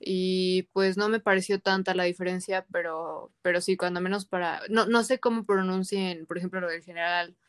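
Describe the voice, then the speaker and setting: A woman's voice: fairly low pitch, moderate pace, few pauses, clear, resonant tone, dry recording. Woman podcast co-host, easygoing, dry sound. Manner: relaxed, laughs easily. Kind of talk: casual chat.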